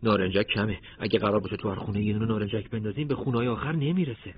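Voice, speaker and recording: A man's voice: lowish voice, slightly rough, highs cut off. A man reading a story aloud and voicing a cautious, protective older male fighter who speaks firmly.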